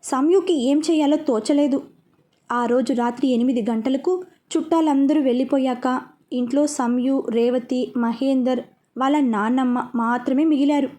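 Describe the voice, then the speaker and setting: A woman narrating a serialized love story in a steady, even reading. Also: sits high, normal speed.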